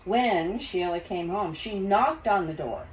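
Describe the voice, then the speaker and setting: An older woman reading a children's storybook aloud in an expressive grandmotherly way. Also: mid-range voice, a little slow, slight background noise, poor audio.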